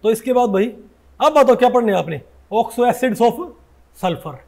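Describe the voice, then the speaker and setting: High-voiced lecturing man, quizzing students. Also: lively intonation, a little slow, gravelly, a little mellow. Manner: keeps asking students questions, often says "bhai"; corrects himself mid-sentence. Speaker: chemistry teacher. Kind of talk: Hindi classroom lecture.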